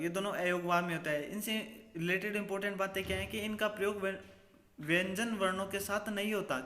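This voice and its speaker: A man's voice: sits high, pushed and bright. A male teacher giving an exam-prep grammar lesson, asking questions and answering them himself, repeating key points. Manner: repetitive quizzing, asks and answers himself. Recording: echoey room with long reverb.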